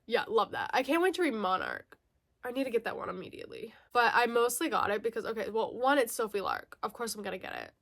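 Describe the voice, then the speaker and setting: Very animated and fairly bright, a woman with a slightly high voice talks quickly as a book vlogger doing a casual, chatty book haul, reading blurbs aloud. She giggles and self-corrects, sounding slightly nasal from a lingering mild cold.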